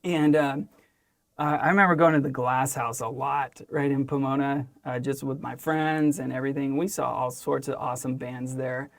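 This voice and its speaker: Laughing, excitable middle-aged man. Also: medium pitch, moderate pace, vocal fry. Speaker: podcast host. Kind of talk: casual chat.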